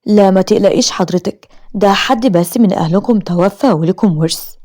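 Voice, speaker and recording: A woman with an Egyptian accent voicing a polite, formal male lawyer in an animated story. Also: medium pitch, brisk, close to an everyday voice. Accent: Egyptian Arabic.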